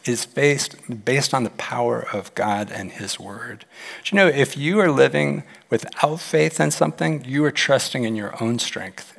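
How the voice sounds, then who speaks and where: Male pastor, animated storyteller mid-sermon, middle-pitched voice, church hall reverb. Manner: animated, acts out quoted voices with big pitch jumps.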